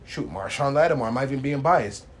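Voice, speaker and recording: A man's voice: medium pitch, lively intonation, fast talker, a little hiss or hum. A tired man co-hosting a casual sports podcast, laid-back and opinionated. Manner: laid-back, opinionated, sometimes bursts into chants. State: tired after work. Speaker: podcast co-host.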